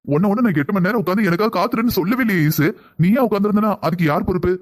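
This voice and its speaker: A man's voice: high-pitched, rapid-fire, lightly acted. A man voicing a careless young husband. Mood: offhand. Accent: southern Tamil. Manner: offhand, dismissive. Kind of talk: cartoon voice acting.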